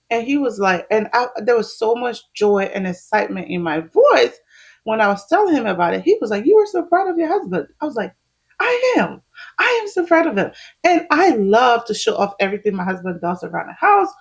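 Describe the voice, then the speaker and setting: A woman's voice: mid-range voice, low-quality recording. A woman, chatting casually at home while doing her makeup, laughing often as she explains each step. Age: 30s. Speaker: vlogger.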